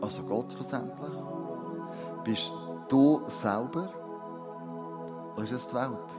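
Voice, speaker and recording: A man's voice: medium pitch, takes it slowly. A man preaching a sermon, earnest and putting direct questions to his listeners. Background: soft new-age music.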